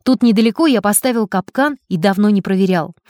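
A woman's voice: mid-range voice, fairly quick, darkish tone, no room sound, natural voice. A woman voicing a bold, boastful adult male diver in a storybook reading, eager and commanding, in a dry close recording. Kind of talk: storybook character voice.

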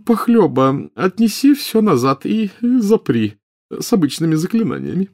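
A fussy, gushing old witch with a high voice that swoops up and down, full of doting exclamations, as a male reader puts her on. The sound is close and dry, with no room around it. It suits a storybook audiobook. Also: sing-song, moderate pace, a little mellow, no room sound, full character voice. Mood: bossy. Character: silly gushing rich old witch woman. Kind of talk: audiobook character voice.

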